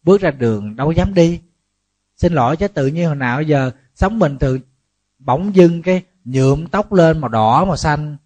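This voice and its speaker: A man, a Buddhist monk giving a lively, humorous sermon full of rhetorical questions. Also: fairly high pitch, normal speed, no echo, dull audio.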